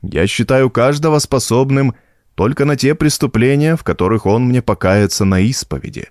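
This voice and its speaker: Storybook: gentle, firm old priest played by a male reader, solemn, preachy. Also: on the low side, moderate pace, no room sound, studio quality. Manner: calm, preaching tone.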